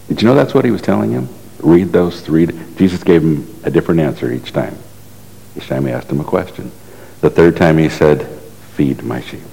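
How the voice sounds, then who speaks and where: A man with a very low voice preaches a sermon, telling the story in a casual, conversational way. He keeps turning to the congregation with rhetorical questions. His voice rings out with a long hall reverb. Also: creaky, warm tone.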